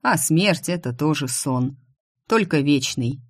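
Lowered to sound like a woman playing a gruff young man, he scolds bluntly with a stubborn, grumbling edge. The reading is dry and close to the mic, with a fairly low voice for a woman. This is a storybook figure in a read-aloud fantasy tale. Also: animated, a little slow, no echo. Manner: brusque, scolding.

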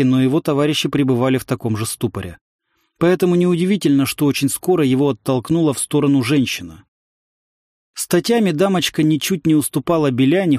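A man's voice: mid-range voice, darkish tone, no room sound. Man narrating a story in a dry voice. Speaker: audiobook narrator. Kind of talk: scripted narration.

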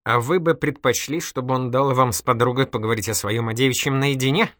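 A man voicing a calm young police detective in an audiobook, polite with dry humor. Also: medium pitch, brisk, no room sound, natural voice. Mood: wry. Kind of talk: audiobook character voice.

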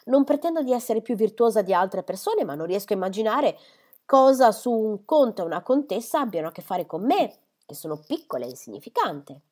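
A woman's voice: medium pitch, very animated, darkish tone, pitched above the performer's own voice. A woman reading a novel aloud, voicing a proud, defiant young woman who answers her mother back. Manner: defiant, quick to justify herself.

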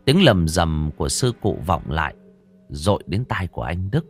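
A man's voice: low-pitched, big pitch swings, normal speed, soft background music. A man narrating a horror story in a dramatic, suspenseful scripted telling.

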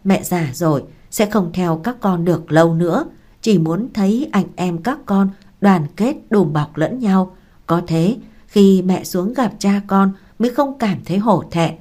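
A woman's voice: medium pitch, animated, measured pace, mellow. A stern old matriarch, as a woman reads her. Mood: grave. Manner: commanding, scolding. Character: stern elderly matriarch, strict and quick-tempered.

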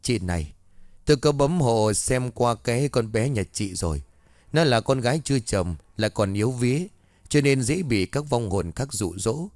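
A man's voice: mid-range voice, lively intonation, moderate pace, a little mellow, no room sound, lightly acted. A man voicing an elderly woman exorcist who commands a ghost sternly. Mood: advising.

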